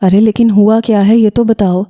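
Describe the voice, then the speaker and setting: A woman's voice: medium pitch, fairly even intonation, dull audio, lightly acted. Woman voicing a curious young student friend. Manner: inquisitive.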